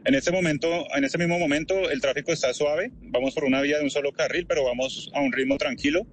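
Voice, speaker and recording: Here a Colombian interviewee in his thirties, from Barranquilla and now translating in Ukraine, talks on the phone while driving, with slight background noise. His pitch is fairly high and his Colombian Spanish accent is light. His manner is measured and reflective, full of fillers like "pues" and "o sea."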